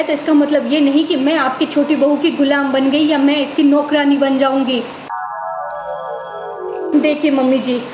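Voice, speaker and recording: A woman's voice: sits high, close to an everyday voice. A woman playing a young daughter-in-law who protests firmly and earnestly against being taunted, in an echoey room with slightly dull sound. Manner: firm, pleading protest.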